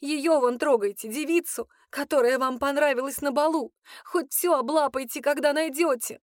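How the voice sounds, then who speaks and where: A woman voicing a young female cook, normally quiet, now sharp and indignant with hurt. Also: on the high side, moderate pace, dry recording, clean studio sound, voice pushed up, natural voice. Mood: hurt angry.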